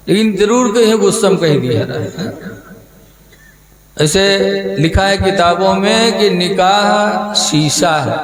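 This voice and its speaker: A male preacher with tells a folksy story sermon, drifting into sing-song recitation. His voice sits high and moves slowly. An echoey room carries music behind him. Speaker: mufti, preacher.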